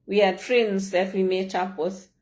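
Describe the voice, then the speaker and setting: A middle-aged woman from Zimbabwe, a leadership vlogger, reflects on her own experience in a measured, heartfelt way, as in a personal vlog. Her mid-pitched voice is level and darkish in tone, and she talks things through steadily and earnestly.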